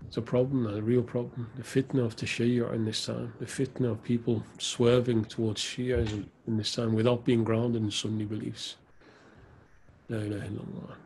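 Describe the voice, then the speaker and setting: During a live Q&A, an Islamic scholar answers questions in an earnest, direct way, then shifts into teasing, laughing banter. His mid-range voice stays mostly level, moves at a moderate pace, and sounds a little mellow over slight background noise.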